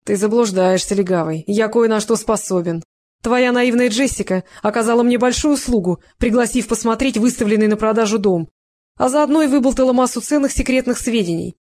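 A narrator voicing a cowardly male gang crook who sneers and shrieks in a raised, quick voice. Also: a little mellow. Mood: sneering. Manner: shrill, sneering, shrieks when cornered.

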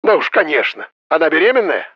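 A man reading an audiobook, voicing an outraged, proud father whose high voice breaks with anger. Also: very animated, fast, no room sound, dull audio. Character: outraged middle-aged father, proud and furious.

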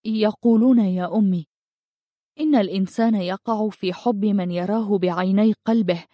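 An earnest, tender young man in a storybook, read by a woman in her own voice. The tone is mellow and warm, the sound close and dry. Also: medium pitch, no room sound, natural voice.

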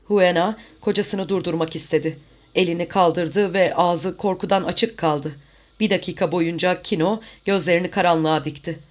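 Steady audiobook narrator. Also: medium pitch, normal speed. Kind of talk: scripted narration.

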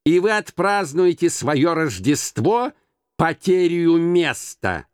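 A man's voice: medium pitch, wildly swooping pitch, slow, no room sound. A man voicing a stingy, grumpy old male miser who speaks curtly and with scorn, in a dry audiobook reading. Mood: scornful. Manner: curt, scornful, snapping.

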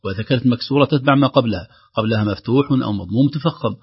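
A man teaching the rules of Quran recitation, who explains patiently and recites example words louder and drawn out. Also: mid-range voice, very fast, slightly rough, no echo, highs cut off. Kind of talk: tajweed lesson with recited examples.

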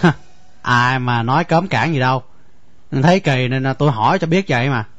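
A man voicing a stubborn young village husband with a Southern Vietnamese accent, stammering and halting as he pleads. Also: medium pitch, fairly bright tone, no echo, close to an everyday voice. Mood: pleading. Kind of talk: radio drama acting. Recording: dull dry lo-fi recording, faint music.

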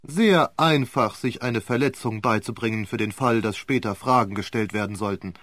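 A man's voice: lowish voice, moderate pace, a bit bright, dry recording, natural voice. A man doing a sarcastic, relentless prosecutor. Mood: cutting. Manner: cutting, sarcastic cross-examining. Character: sharp, relentless male prosecutor in court.

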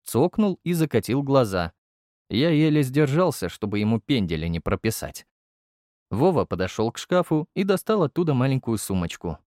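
A man's voice: medium pitch, big pitch swings, normal speed, darkish tone, no echo, clean studio sound. A man narrating a first-person fantasy audiobook in a brusque, blunt manner.

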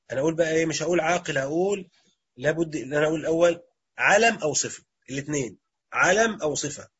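A man's voice: a little high, fairly bright tone, slightly rough, highs cut off. A man with an Egyptian Arabic accent teaching Arabic grammar in a classroom lecture, quizzing students and repeating their answers.

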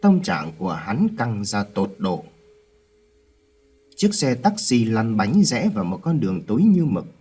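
A man reads a ghost story aloud in a dramatic, expressive way. His voice is mellow and a little husky, and his pitch moves a lot. Soft music plays underneath. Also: unhurried. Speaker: narrator. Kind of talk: scripted ghost story narration.

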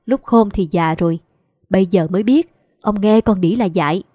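A woman reading aloud voices a sullen, gruff middle-aged husband who grumbles and curses in an offhand drawl. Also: medium pitch, normal speed, dark tone, no room sound, studio quality, natural voice. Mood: gruff grumbling.

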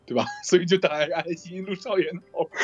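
At an audio drama cast event, a playful voice actor from Qingdao, China, chats casually with castmates and laughs often. The mid-range voice is very animated and a little fast, with highs cut off and a crowd in the background.

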